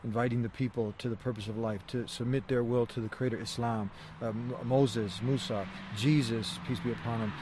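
Man, mid-range pitch, earnest preacher-style vlog talk, repetitive phrasing, recorded outdoors with light traffic noise. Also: steady tone, fairly quick, few pauses, darkish tone. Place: outdoors outside a church in town.

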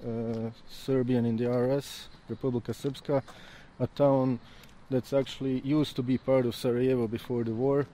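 A man explaining things casually as a local guide, a little haltingly, repeating words. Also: medium pitch, little pitch movement, warm tone. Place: outdoors in a town street. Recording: faint outdoor street and traffic noise.

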